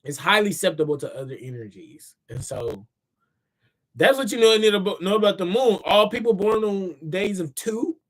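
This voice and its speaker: A man's voice: sits high, lively intonation, normal speed. A tired man reading from his own book on a casual livestream, speaking loosely to his viewers, repeating words and asking them to say things back. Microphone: phone or computer mic on a livestream.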